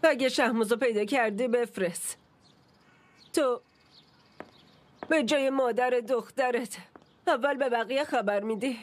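A woman's voice: fairly high pitch, long pauses, natural voice. An actress playing a distraught, crying mother whose daughter is missing, accusing and sobbing in a dubbed drama.

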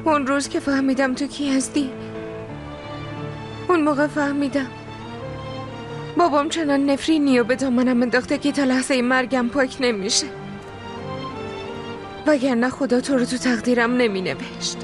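Woman voicing a young woman, high voice, heartfelt, defiant, TV drama dub, background music. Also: fairly even intonation, long pauses, close to an everyday voice. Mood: sorrowful. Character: young woman, proud, bitter about her fate. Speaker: dubbing actress. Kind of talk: dubbed TV drama. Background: background score.

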